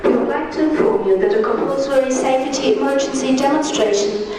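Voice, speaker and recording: A woman making a formal, measured safety announcement over a ship's PA loudspeaker. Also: high voice, crowd noise. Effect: heard over a ship's PA loudspeaker. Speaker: ship announcer. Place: aboard a cruise ship. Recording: echoey PA heard from far off, music behind.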